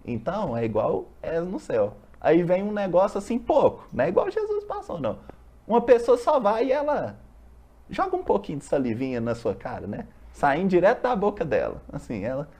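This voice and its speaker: Husky voice, Brazilian accent, lively rising and falling pitch, chatty study group leader, everyday examples, rhetorical questions. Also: fairly quick. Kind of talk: casual religious study talk, reading and explaining a text. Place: meeting room of a university study group.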